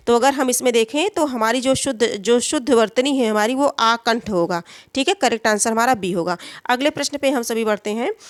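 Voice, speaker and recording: A woman's voice: on the high side, dry recording, studio quality. A woman teaching a Hindi spelling exam lesson, who repeats each answer and asks and answers her own questions.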